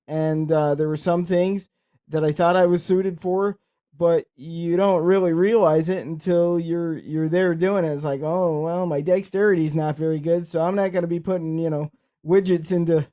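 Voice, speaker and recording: A man hosting a podcast in casual chat, halting and repeating words as he searches for them. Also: fairly high pitch, warm tone. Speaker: podcast host.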